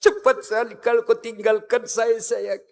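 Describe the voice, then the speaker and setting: A man's voice: very high voice, level tone, moderate pace, creaky, pitched above the performer's own voice. A man voicing a grieving middle-aged widower in a sermon story, tearful and pleading. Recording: echoey hall with long reverb.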